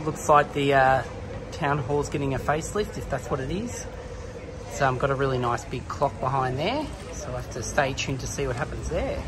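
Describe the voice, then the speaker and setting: Holding his phone at arm's length, a thirtysomething Australian travel vlogger shows off a country town street at normal speed. His medium-pitched voice is expressive and his manner casual and chatty as he explains what he films, though the recording is low quality with street noise behind.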